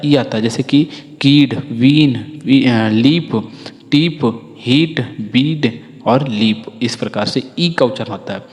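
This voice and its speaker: Drilling word lists in a patient phonics lesson, this English teacher often prompts his audience to say the words back to him. He speaks at a typical pitch with a somewhat dark tone. His voice echoes with long reverb, like a recording made in a big hall.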